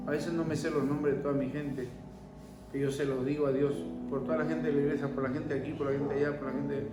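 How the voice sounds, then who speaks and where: A man's voice: mid-range voice, little pitch movement, quick pace, roomy sound, distant mic, over loud music, rough recording. A man preaching a sermon as pastor, telling stories and leading a prayer. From Venezuela. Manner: preaching with storytelling and a closing prayer.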